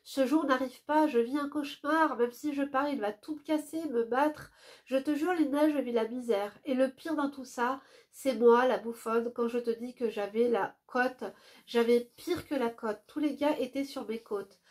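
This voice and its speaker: A woman with a stuffy, nasal voice from a cold, reading a viewer's letter aloud and dropping to soft asides between passages. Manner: drops to a soft, low voice for quick asides.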